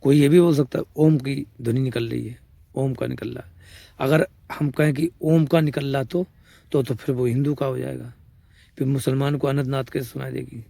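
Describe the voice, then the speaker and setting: A man's voice: mid-range voice, fairly even intonation, moderate pace, gravelly, mellow, no echo. A man with a Braj-region Hindi accent, a spiritual teacher giving an informal discourse, explaining patiently, repeating his points and checking that listeners follow. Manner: explains patiently, repeats points and asks "samajh rahe hain?".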